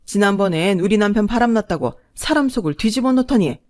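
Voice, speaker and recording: A woman's voice: mid-range voice, animated, fairly quick, a little mellow, no room sound, lightly acted. A woman voicing an angry, gossipy middle-aged neighbor woman who scolds her friend, recorded close and dry. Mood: indignant. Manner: scolding, indignant.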